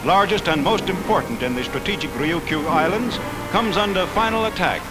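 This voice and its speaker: A man's voice: high-pitched, moderate pace, poor audio. A man narrating an old 1940s wartime newsreel in an urgent, declamatory voice. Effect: old wartime newsreel sound. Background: orchestral music.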